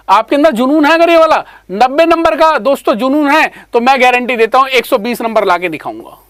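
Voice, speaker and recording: A man who teaches exam prep online, addressing students fondly and repeating himself while pitching a course. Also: a bit bright, no echo. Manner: repetitive, calls listeners "beta", pushy sales pitch. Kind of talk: promotional talk to students.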